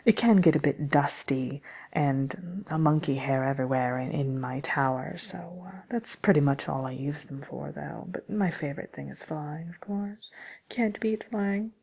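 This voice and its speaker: A woman voicing the smug, envious Wicked Witch in a soft ASMR roleplay, talking slyly and haughtily with hesitant pauses. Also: low voice, exaggerated voice. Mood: smug, chatty. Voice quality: breathy, creaky, often near whispering. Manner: sly, haughty, hesitant with many drawn-out pauses. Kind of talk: ASMR roleplay, soft-spoken chatty answers to listener questions.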